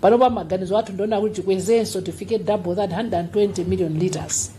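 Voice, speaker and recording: A woman's voice: mid-range voice, fairly even intonation, fast talker, dark tone, a little hiss or hum. A woman with a Malawian accent explaining things emphatically in a public briefing. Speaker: official addressing the public at a briefing.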